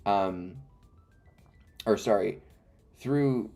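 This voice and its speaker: The male host's voice is lowish and mellow, and he draws out his words. Stuck with the hiccups, he mumbles code steps to himself during a live coding stream and explains in a meandering, self-correcting fashion; faint music and typing can be heard.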